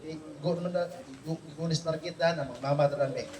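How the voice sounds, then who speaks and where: A man leading a family Bible study, animated and teasing, constantly checking in with his listeners. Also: fairly high pitch, a little fast. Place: home room with family gathered. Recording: echoey room, far from the mic.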